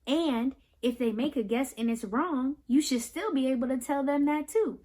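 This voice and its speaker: A woman with a high, warm voice reads a picture book aloud to young children at an ordinary pace. She's American and talks to her listeners directly and reassuringly, repeating phrases with expression for emphasis.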